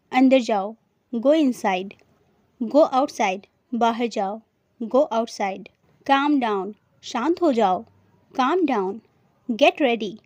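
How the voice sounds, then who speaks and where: A young woman teaching an English lesson, reading each short phrase slowly and then repeating it. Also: a little high, darkish tone, dry recording, lo-fi sound. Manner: slow, deliberate repetition of short phrases.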